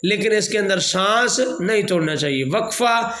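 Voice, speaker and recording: High-voiced man teaching slowly. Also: bright, forceful tone, echoey room. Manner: slow, patient explaining with examples. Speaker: religious teacher. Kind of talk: explanatory lesson.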